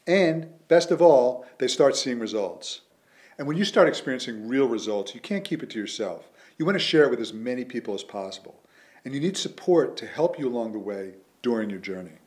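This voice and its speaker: A man, an author, delivering a scripted promotional pitch in an earnest, persuasive way. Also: expressive, fairly quick. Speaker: author promoting his method.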